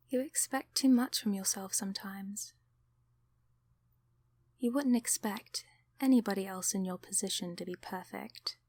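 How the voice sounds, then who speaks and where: In an ASMR roleplay, a woman plays a kind sleep paralysis demon, gently chiding the listener while staying warm and encouraging. Her mid-range voice is soft and soothing, often dropping to a whisper, with some vocal fry. The recording is dry.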